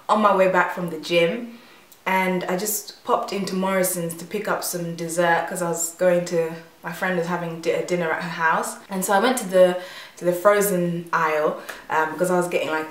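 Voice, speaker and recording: A young woman from Uganda chats straight to camera, animated and full of fillers and restarts. Her voice sits a little low and rings in an echoey room. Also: recorded from a distance. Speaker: vlogger. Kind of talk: casual storytelling to camera.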